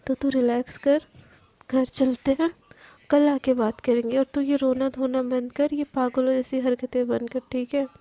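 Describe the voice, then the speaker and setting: A woman voicing Abhi, a calm young man soothing and reasoning with his friend. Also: high-pitched, normal speed.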